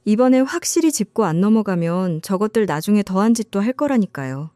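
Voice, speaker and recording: Urgent, insistent grown daughter, fierce for her mother, mellow tone, put on by a woman narrator. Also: medium pitch, sing-song, brisk, no echo, clean studio sound, natural voice. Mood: indignant.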